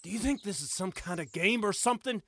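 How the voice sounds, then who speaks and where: A wounded man in pain, swinging between anger and desperate pleading, as an actor plays him in an audio drama. His voice jumps all over, from low groans to high cries. It is recorded very dry, with no room around it. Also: animated, fast talker, dry recording. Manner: pained groans, swearing, shouting for help.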